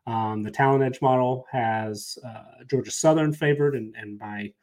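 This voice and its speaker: A man co-hosting a sports podcast, laying out model projections in a measured, hesitant way with many fillers. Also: medium pitch, darkish tone. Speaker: podcast co-host. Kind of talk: casual sports analysis chat.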